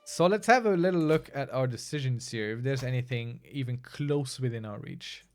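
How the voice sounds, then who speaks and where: A man's voice: medium pitch, lively intonation, moderate pace. Chatty man streaming a strategy game. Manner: chatty, wry, answers chat as he plays. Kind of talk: casual gameplay commentary.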